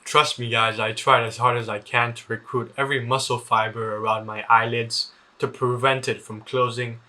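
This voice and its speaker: A man's voice: medium pitch, little pitch movement, moderate pace, bright, forceful tone. A teenage boy, a student, telling a comedic story in an exaggerated, mock-dramatic way, with lots of "like" fillers. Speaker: student vlogger.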